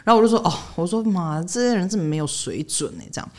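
Lively fast-talking woman co-host. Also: on the low side. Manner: animated storytelling, laughing often. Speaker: podcast co-host. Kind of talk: casual chat.

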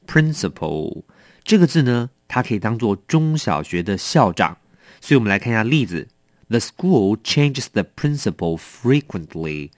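A middle-aged man teaching English vocabulary. He reads each word slowly and carefully, then speeds up when he adds warnings and asides. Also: lowish voice, sing-song, dry recording, studio quality. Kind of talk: explaining a word list.

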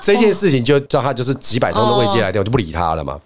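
Casting note: man in his thirties, casual storyteller, quick-talking, lively pitch. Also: noisy background. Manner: animated storyteller, acts out quotes, laughs often. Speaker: podcast co-host.

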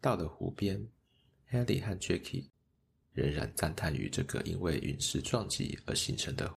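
A man narrating a children's story in a gentle, measured way. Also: sits low, animated, gravelly, a little hiss or hum.

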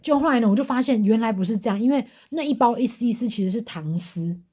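Taiwanese mandarin lady on a podcast, chatty storytelling, talks really quick, soft-edged mellow tone. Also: a little high, lively intonation, breathy edge. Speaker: podcast co-host. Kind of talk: casual chat, telling travel anecdotes.

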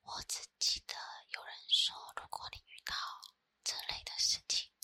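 Taiwanese mandarin accent woman doing asmr storytime, all whispered, breathy and crisp bright, right up on the mic. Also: moderate pace, no echo. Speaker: ASMR creator. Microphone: close ASMR microphone.

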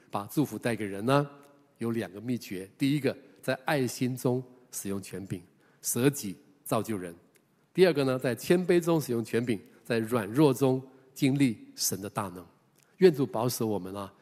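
An older man, a pastor with a Taiwanese Mandarin accent, telling a personal story in a sermon with a conversational manner, many hesitant fillers and drawn-out particles at phrase ends. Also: medium pitch, a little mellow, big-room sound.

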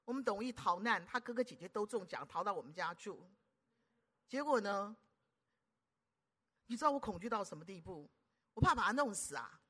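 A middle-aged woman preacher, delivering an animated sermon full of rhetorical questions to the congregation. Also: medium pitch, moderate pace, long pauses, breathy edge. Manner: animated, keeps asking the audience rhetorical questions; acts out anxious inner voices and conversations.

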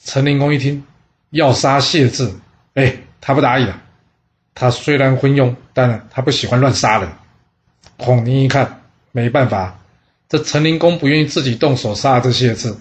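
A man hosting a storytelling podcast, telling history in a chatty, lively way. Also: mid-range voice, moderate pace. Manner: chatty, lively storyteller voicing characters in dialogue. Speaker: storyteller host.

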